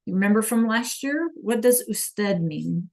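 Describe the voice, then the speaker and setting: A woman's voice: medium pitch, animated, slow pace, darkish tone. A woman teaching a Spanish lesson online, patiently checking in with her students and praising answers from the chat.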